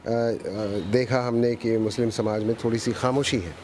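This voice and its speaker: In a street interview, a man with a lowish, darkish voice and fairly even intonation asks probing questions at a normal pace, then restates the answers back. There's a little hiss or hum on the audio.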